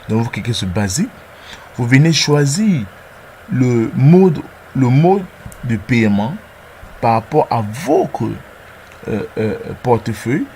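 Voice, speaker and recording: A man with a lowish voice talks through a screen-recorded tutorial step by step. He hesitates often and repeats words while he clicks along. A faint hiss sits under his voice. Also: a little mellow. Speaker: trading tutorial presenter.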